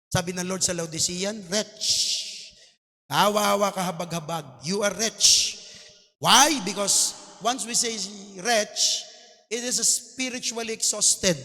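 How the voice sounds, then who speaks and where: High bright-voiced Filipino pastor preaching. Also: male voice. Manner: switches between Tagalog and English, rises to loud exhortation. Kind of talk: sermon. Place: church hall. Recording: long hall reverb.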